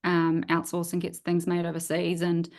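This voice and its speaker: Talking from home as an author guest on a video call, a woman in her thirties with a New Zealand accent rambles hesitantly and restarts often in a casual interview chat. She speaks at normal speed in a fairly low, monotone, slightly mellow voice.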